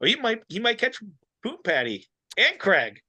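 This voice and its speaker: A man co-hosting a podcast in casual chat, easygoing and quick to laugh. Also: high voice, huge pitch swings, pushed and bright. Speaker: podcast co-host.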